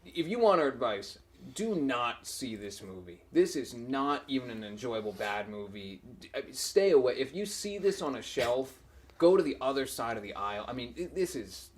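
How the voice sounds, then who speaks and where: A man's voice: medium pitch, big pitch swings, moderate pace. A man hosting a casual movie review podcast, stammering and restarting, sounding exasperated. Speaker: podcast host.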